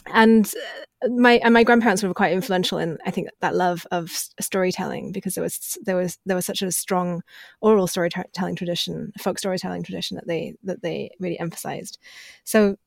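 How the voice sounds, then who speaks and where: A woman's voice: on the low side, steady tone, fairly quick, creaky, dry recording, studio quality. Articulate woman journalist guest. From born in China, raised in the UK. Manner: articulate, with small stumbles and light laughs. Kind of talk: interview conversation.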